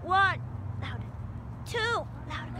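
A woman's voice: sits high, extremely slow, background noise. A young woman calling out counts with exertion while doing push-ups, recorded outdoors on a phone. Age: young adult. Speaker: vlogger doing a charity push-up challenge. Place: outdoors on a street pavement by parked cars. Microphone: phone camera on the ground, a step away.

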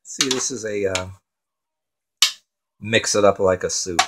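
A man's voice: lowish voice, takes it slowly, heavy background noise. A man hosting a home cooking show in his kitchen, rambling and swearing casually to himself as he works.

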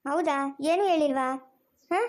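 A bold, caring elder sister in a cartoon, voiced by a woman who soothes and coaxes over and over. She speaks in a very high voice. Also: measured pace, a little mellow. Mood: soothing. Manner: soothing, coaxing, repeats comfort.

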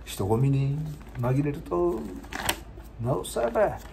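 A man with a Kansai accent chatting casually to his viewers between songs, his voice hoarse and giving out, rambling and polite. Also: medium pitch, very animated, takes it slowly, very noisy. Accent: Kansai Japanese. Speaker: singer-guitarist streamer.

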